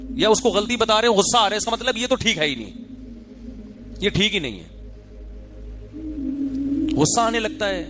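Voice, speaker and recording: High-voiced man preaching conversationally. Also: fairly bright tone, slight background noise. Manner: conversational preaching with acted quotes and rhetorical questions. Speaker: Islamic scholar. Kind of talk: sermon.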